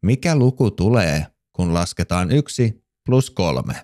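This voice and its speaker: A man's voice: low voice, big pitch swings, darkish tone. A friendly mother fox, read by a man. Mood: kindly. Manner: friendly, quizzing.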